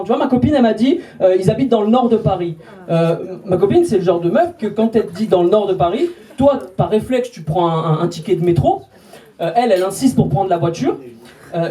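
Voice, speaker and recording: A man in his twenties performing a stand-up routine in a comedy club and teasing the audience with quick asides. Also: high-pitched, dark tone. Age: 20s. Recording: live club recording from a distance with audience laughter.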